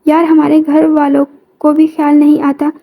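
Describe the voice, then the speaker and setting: A woman's voice: high-pitched, completely flat delivery, narrow, tinny audio. A woman reading a cheeky young female student. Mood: teasing. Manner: teasing, quick retorts.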